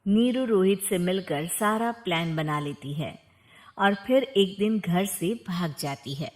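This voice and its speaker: A woman's voice: lowish voice, lively intonation, slow, darkish tone. A woman reading a scripted family story as its narrator.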